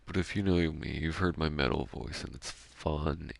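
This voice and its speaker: A man's voice: rumbling low, moderate pace, gravelly, no room sound. A man giving rambling, self-deprecating commentary while playing a game, keeping his voice down because it is late at night. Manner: soft-spoken, keeping quiet late at night. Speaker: gaming streamer. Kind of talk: casual gameplay commentary.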